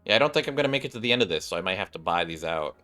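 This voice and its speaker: A game streamer rambles casually over game music, half muttering to himself and his viewers. His low voice races along with lively intonation and a bright, forceful tone.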